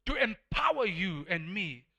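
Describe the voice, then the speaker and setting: With a breathy edge to his high voice, a South African man whose first language is Afrikaans preaches a little slowly, his pitch swinging widely. He repeats words for emphasis and alternates between hushed and loud passages.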